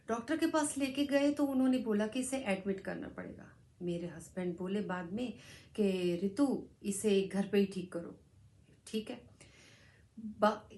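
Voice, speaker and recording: A woman's voice: on the high side, darkish tone. A middle-aged woman, an actress telling a heartfelt personal story and calling the viewers her friends. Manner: earnest and emotional, addresses viewers as friends. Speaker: actress sharing a life story.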